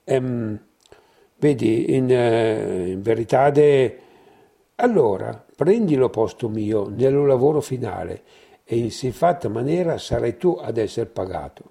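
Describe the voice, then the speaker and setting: A man's voice: mid-range voice, lively intonation, unhurried, gravelly, mellow. A man voicing a sly young male painter who talks in raised, exclaiming phrases.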